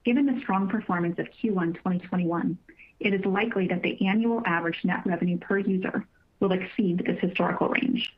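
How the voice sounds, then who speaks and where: A finance executive delivers a prepared corporate presentation on an earnings call, sticking to the script. She speaks fairly quickly with a fairly low-pitched voice over a narrow, tinny phone line.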